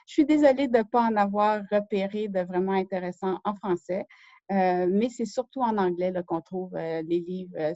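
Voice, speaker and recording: A woman hosts a screen-share research tutorial in a mellow, mid-range voice, speaking hesitantly with plenty of fillers and self-corrections. The recording is dull, lo-fi and dry, with no echo.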